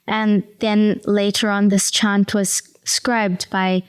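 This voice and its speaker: Woman guest, clear and smooth, mid-pitched, earnest storyteller. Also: little pitch movement, slow. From New Zealand. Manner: earnest, explanatory, with occasional fillers. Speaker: Ayurvedic practitioner guest. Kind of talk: conversational interview storytelling.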